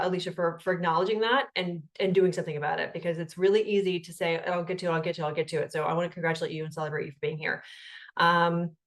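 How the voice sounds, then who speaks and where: A woman hosting a casual live group coaching call over video, excitable, laughing at her own slips and swearing freely. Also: fairly low pitch.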